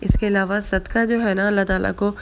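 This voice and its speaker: Hoarse woman with a gravelly, flat voice. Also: mid-range voice, noisy background. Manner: chatty, repeats fillers, mixes in English words. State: hoarse from flu and sore throat. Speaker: vlogger. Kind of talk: casual religious advice vlog.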